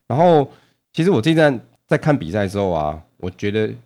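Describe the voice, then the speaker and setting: A man's voice: on the low side, very animated, a little mellow. A man co-hosting a casual podcast chat, explaining things at length with lots of fillers and restarts. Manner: rapid, chatty, explains carefully with many fillers and restarts. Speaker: co-host. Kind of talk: casual podcast chat about motorcycle racing.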